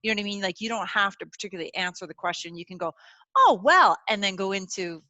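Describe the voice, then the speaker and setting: A woman's voice: medium pitch, steady tone, very fast, sharp tone, no room sound. A woman hosting a webinar over a video call, chatting casually and reassuringly, with lots of "like" and "you know". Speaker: webinar host. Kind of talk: casual chat.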